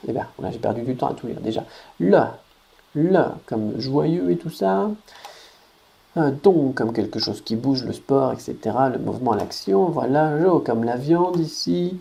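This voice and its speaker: Casting: man, online teacher, gravelly and warm, chatty and self-deprecating, lots of fillers. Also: mid-range voice. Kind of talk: casual screen-recorded tutorial.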